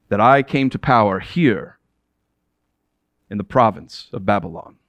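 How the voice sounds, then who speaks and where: A man's voice: mid-range voice, no echo, clean studio sound. A man playing a proud ancient king who speaks to his subjects in a commanding way and chuckles between statements. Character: proud middle-aged male Persian king addressing his subjects. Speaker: actor in a biblical character monologue. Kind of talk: theatrical first-person monologue.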